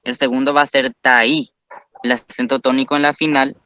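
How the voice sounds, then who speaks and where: A man's voice: medium pitch, flat delivery, quick pace, pushed and bright, clear, resonant tone. A man teaching a language class, explaining patiently step by step and praising students.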